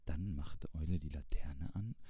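A man reading a children's storybook aloud in a calm, measured way. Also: rumbling low, husky, dry recording. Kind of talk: storybook narration.

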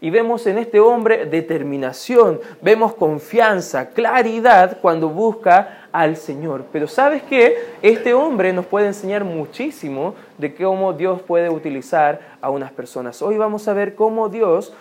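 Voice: medium pitch, lively intonation, a little slow, few pauses, darkish tone. A pastor preaching a sermon in an earnest manner, often asking the congregation direct questions.

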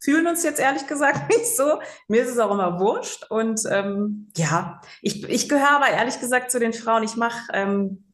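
Animated and a bit bright, her slightly high voice moves at a moderate pace with few pauses as she chats. She's a counselor in her forties, a chatty storyteller in a casual interview who uses many fillers and laughs easily, recorded with roomy echo.

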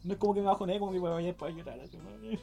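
A young Chilean man talks quickly in a fairly high voice, laying out his ideas at length in loose, slangy chat. Faint music plays behind him. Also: steady tone, creaky. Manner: explains at length, peppered with slang. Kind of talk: casual chat.

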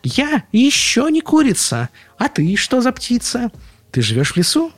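Man doing a timid storybook chick, very high and squeaky, breathy, dry sound. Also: wildly swooping pitch, unhurried, dry recording, faint music behind, full character voice. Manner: squeaky, stammering. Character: timid little yellow female chick, chirpy. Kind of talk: audiobook storytelling.

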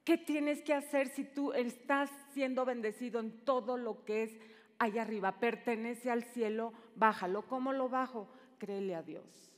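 Middle-aged woman preacher, dramatic delivery shifting from loud to hushed, fairly high voice, reverberant church hall. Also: moderate pace. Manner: dramatic, swings from loud calls to hushed shushing. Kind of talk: sermon. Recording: long reverb in a large hall.

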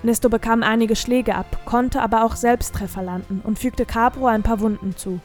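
A woman reading a fantasy audiobook in steady, scripted narration. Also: on the high side, normal speed, soft background music.

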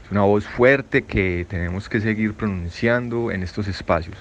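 A very low-pitched man speaks reflectively as a radio commentator. He hesitates often with fillers. Faint noise sits under his voice. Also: normal speed, lo-fi sound. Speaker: guest commentator.

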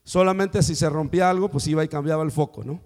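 A man preaching a sermon, telling stories and acting out dialogue with lively questions to the congregation. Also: fairly high pitch, quick pace. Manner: animated storytelling, acting out dialogue. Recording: long hall reverb.

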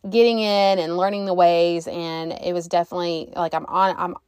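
Woman podcast host, casual and animated, slight cough, dry close sound. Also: on the low side, moderate pace, clear, resonant tone, no echo. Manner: chatty, animated, acts out quotes. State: recovering from a cough.

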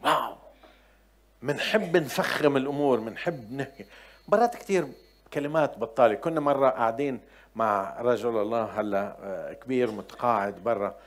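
A middle-aged preacher with a Levantine Arabic accent, his voice sitting at an ordinary middle pitch for a man. He tells his own stories in a loose, chatty way, then leans hard on key words. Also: brisk. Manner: chatty storytelling, swings from quiet asides to loud emphatic points. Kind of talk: sermon with personal anecdotes.

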